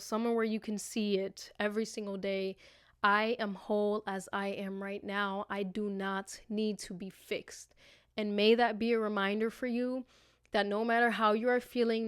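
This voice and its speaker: A smooth, medium-pitched female voice comes through a dry, clean studio recording. She hosts a casual motivational podcast, musing on self-reflection while talking informally and fondly to her audience, with plenty of slang and swearing.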